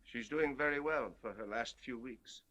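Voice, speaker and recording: Piercing, crusty old screwball comedy doctor. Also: male voice, mid-range voice, pushed and bright, poor audio. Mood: brisk. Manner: brisk, wry, dismissive. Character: crusty, wily old small-town doctor, unbothered fraud. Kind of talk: 1930s screwball comedy banter, film acting.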